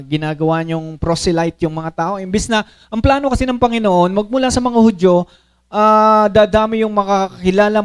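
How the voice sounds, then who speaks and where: A man's voice: sits high, clean tone. A man preaching a sermon in a mix of languages, often checking in with his listeners with "okay?" and acting out the speech of the people in the story. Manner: Taglish preaching with frequent "okay?" and "no?" check-ins; animated, acts out quoted speech. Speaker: pastor.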